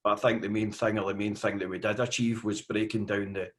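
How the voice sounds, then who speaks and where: A Scottish man in his fifties, a podcast guest talking casually with many fillers and pauses. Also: lowish voice, flat delivery. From Scotland. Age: 50s. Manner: hesitant, with frequent fillers. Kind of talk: casual interview.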